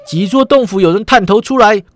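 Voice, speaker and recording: A man's voice: high voice, fairly quick, slight background noise. A man narrating a serialized martial-arts story with a dramatic telling.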